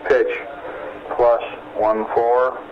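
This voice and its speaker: A man's voice: medium pitch, little pitch movement, drawn-out words. An American man in mission control doing astronaut radio communication, reading out procedures and figures in a clipped, careful way over an old space radio loop. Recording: dull, noisy 1960s space radio loop.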